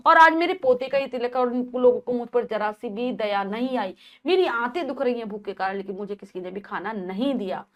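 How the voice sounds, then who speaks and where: A woman teacher who reads a play to her pupils and explains each line in plain words. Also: fairly high pitch.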